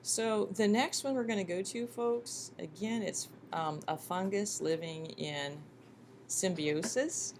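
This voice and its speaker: A woman with a mid-range, somewhat dark voice lectures a college class at a slow pace, in a folksy, encouraging style. She often calls the students "you guys" and "folks," teaching through questions and answers. The classroom recording is clearly noisy.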